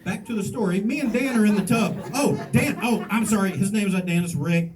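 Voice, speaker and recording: A man's voice: high-pitched, a little fast, darkish tone. A middle-aged man doing stand-up, telling a rambling anecdotal story with self-mocking asides to a live audience. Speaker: stand-up comedian. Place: comedy stage before a live audience. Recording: voice somewhat distant from the mic with faint room ambience.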